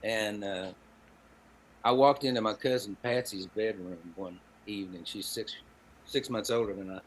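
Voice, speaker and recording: With a lowish voice, a breathy edge, and a moderate pace, a man in his seventies spins personal anecdotes as a podcast guest. He's a storyteller and songwriter hailing from Appalachian Tennessee, speaking conversationally in a Southern Appalachian accent, folksy and wry with dry humor.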